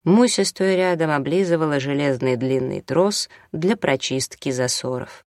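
A man narrating an audiobook in a steady, even storytelling manner. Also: fairly high pitch, normal speed, no room sound, clean studio sound.

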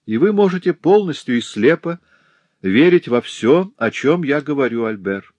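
A man's voice: medium pitch, big pitch swings, moderate pace, darkish tone, dry recording, voice pushed up. A man voicing an earnest noble wife. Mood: earnest, pleading. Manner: earnest and pleading. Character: remorseful devoted young noble wife. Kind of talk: audiobook reading.

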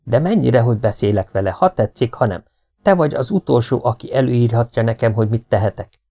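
A man voicing a furious, grieving middle-aged father who shouts and then pleads. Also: lowish voice, dry recording, close to an everyday voice. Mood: shouting. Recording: dull lo-fi recording.

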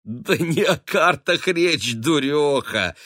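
A man's voice: medium pitch, sing-song, unhurried, fairly bright tone, dry recording, clean studio sound, pitched above the performer's own voice. A man voicing a gushing, teasing middle-aged lady of the house who fusses over her ward. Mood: excited gushing. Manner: effusive, fussy, teasing.

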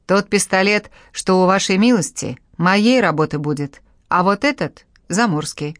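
A woman reading the lines of a bold, unflappable male master blacksmith in an audiobook, calm and cheekily confident. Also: mid-range voice, moderate pace, no echo, clean studio sound, close to an everyday voice.

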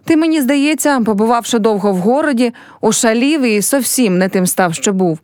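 A woman's voice: on the high side, animated, moderate pace, darkish tone, dry recording, clean studio sound, natural voice. A woman reading a play aloud and voicing a young village girl who is heartbroken and proud, speaking in a pleading, reproachful way.

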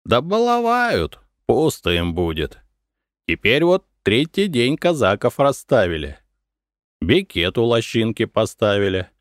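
A man voicing an old, bent, grey-haired peasant grandfather who speaks slowly in folk speech. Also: medium pitch, no echo, clean studio sound, pitched above the performer's own voice. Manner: slow, wary folk speech.

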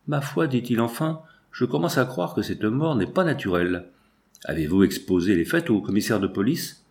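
A man voicing a shrewd, persuasive man in an audiobook, speaking in a measured, calculating way. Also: lowish voice, animated, vocal fry, darkish tone.

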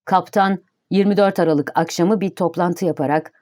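A woman narrating an audiobook in a steady, even reading voice. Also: fairly low pitch, moderate pace, dry recording, clean studio sound.

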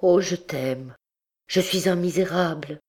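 Lovesick priest, obsessive, pleading, impassioned, low, slow, voiced by a woman reader, audiobook. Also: a little mellow, natural voice. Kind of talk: audiobook character reading.

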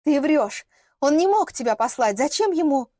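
A woman's voice: sits high, lively intonation, moderate pace, mellow, no echo, studio quality, voice pushed up. A woman reading an audiobook, voicing a hostile, secretive young woman who hisses and interrogates. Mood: angry. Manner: hissing, interrogating.

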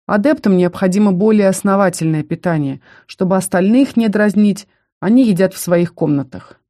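A calm young student, the steady twin, who explains things in a matter-of-fact way, as a woman reads him. The voice is mellow and plain. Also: medium pitch, normal speed, lightly acted. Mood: explaining.

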